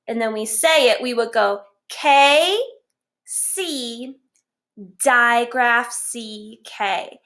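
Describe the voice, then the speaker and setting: A woman's voice: on the high side, pushed and bright. A woman teacher giving a phonics lesson to young children, sounding out letters one by one and praising them as they go.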